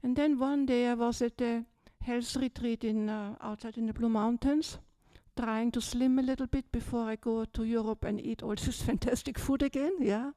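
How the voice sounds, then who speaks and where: An older Austrian woman with an accent, speaking as a Buddhist nun to a retreat group. She is chatty and keeps checking in with "yeah?", and her fairly high voice is soft and mellow. She holds a handheld mic, and the sound is dry and close. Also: steady tone, moderate pace, hardly any pauses, no echo. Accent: Austrian German. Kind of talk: retreat talk, personal story. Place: large dim hall, seated on a low stage. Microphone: handheld microphone.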